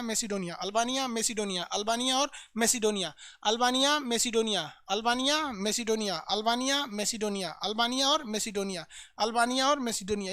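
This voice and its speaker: A man's voice: extremely high pitch, bright, forceful tone, dry recording, clean studio sound. A man teaching an online lesson, chanting place names over and over and joking with students in a folksy way. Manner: chants place names in rapid repetition drills. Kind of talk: energetic recorded lesson.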